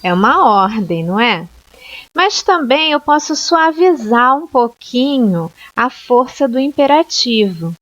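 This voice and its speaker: Slow, clear-speaking female English teacher. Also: on the high side, very animated, fairly bright tone. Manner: slow, clear teaching explanations with frequent checks like "ok?". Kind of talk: online language lesson. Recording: dull lo-fi sound.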